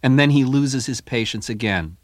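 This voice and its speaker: A man reading a scripted radio review as a classical music critic, with measured storytelling. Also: mid-range voice, dry recording, clean studio sound. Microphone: studio microphone.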